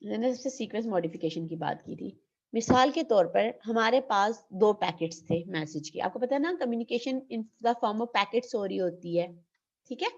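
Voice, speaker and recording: A woman's voice: mid-range voice, animated, moderate pace, darkish tone, muffled recording. A woman teaching an online class, explaining step by step and asking questions she then answers herself. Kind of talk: online lecture.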